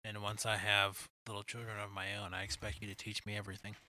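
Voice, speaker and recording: A young man hosts a relaxed podcast conversation, ribbing his guest and laughing easily. His voice sits a little low but rings very bright and forward. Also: fast. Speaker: podcast host. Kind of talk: casual chat.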